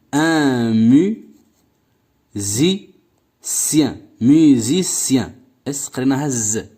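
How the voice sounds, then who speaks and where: A man with a Moroccan accent teaching a bilingual phonics lesson as a primary school French teacher, repeating each word several times in slow drills. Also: medium pitch, mellow, husky.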